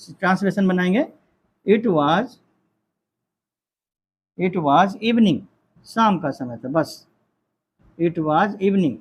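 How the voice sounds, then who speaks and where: A man with a high voice teaches a grammar lesson in a classroom. He dictates at an unhurried pace, repeating each phrase and asking his students questions. He sounds like a teacher working through sentences with a class.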